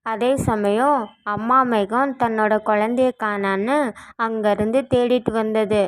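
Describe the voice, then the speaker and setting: A woman narrating a children's cartoon story in a steady storytelling way. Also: a little high, unhurried.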